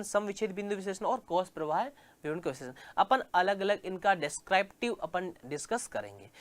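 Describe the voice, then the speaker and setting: A male commerce teacher, lecturing and slowly repeating key terms, asking the class questions and answering them himself. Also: sits high, a bit bright.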